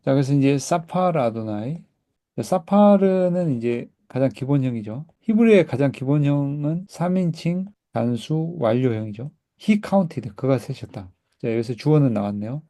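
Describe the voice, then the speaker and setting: A man's voice: medium pitch, animated, normal speed, dark tone. A man teaching a Hebrew class, patiently explaining and repeating words for students to echo. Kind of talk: classroom language lesson. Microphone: recorded class, whiteboard teaching.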